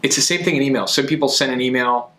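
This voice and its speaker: A man with a mid-pitched voice talks as a podcast host and sales coach. He is emphatic and conversational, driving points home with repeated phrases. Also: quick pace, a bit bright.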